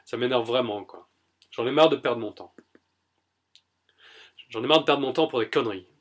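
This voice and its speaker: Man, mid-pitched, EFT tapping self-demonstration; short repeated first-person lines, emphatic then calmer. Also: moderate pace. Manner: emphatic and exasperated; softer and more settled. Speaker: EFT practitioner.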